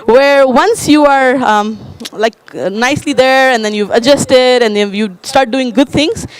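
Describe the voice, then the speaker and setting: A woman's voice: high voice, a little slow, clear, resonant tone, poor audio. A woman from Nepal presenting at a conference panel, hesitant with many uhs and likes. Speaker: panel speaker.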